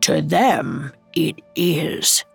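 Woman doing a stern, gravelly giant spirit. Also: low-pitched, drawn-out words, soft background music, voice pushed down, heavily acted. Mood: solemn. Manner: grave, reproachful. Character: stern ghost of Christmas present, male giant.

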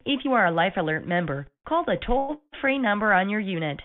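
A woman's voice: mid-range voice, big pitch swings. Woman on a recorded phone menu message. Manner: polite, measured, clearly enunciated. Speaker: automated phone line announcer. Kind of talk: scripted customer service announcement. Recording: tinny phone line.

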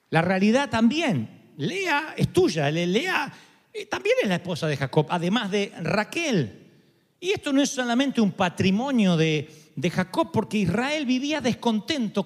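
A man preaching a sermon in an animated, humorous way, often asking the congregation rhetorical questions. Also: high-pitched. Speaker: pastor. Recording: long reverb of a large hall.

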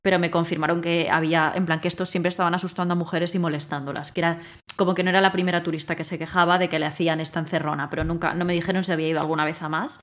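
Brief: rapid-fire female guest, animated storyteller. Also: lowish voice. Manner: animated, acts out her own quotes loudly. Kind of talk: casual storytelling conversation.

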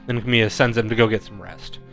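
A man's voice: on the low side, steady tone, fast talker, fairly bright tone, faint music behind. A man co-hosting a podcast, casually recapping a movie scene by scene with a lot of ums and laughs. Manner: laid-back, frequent ums and laughs. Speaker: podcast co-host.

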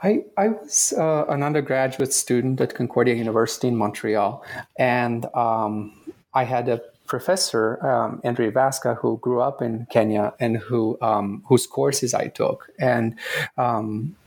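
A man from Romania talks about his research in a podcast interview, stopping often to search for words. His voice has a gravelly edge, and the tone is somewhat husky. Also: mid-range voice, measured pace, a little mellow. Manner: hesitant, many fillers and restarts. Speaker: anthropology professor, guest author.

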